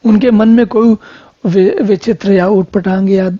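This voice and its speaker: A scripture teacher who chants verses slowly and then explains each one in plain conversational talk. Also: medium pitch, fairly even intonation, dark tone. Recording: dull lo-fi recording.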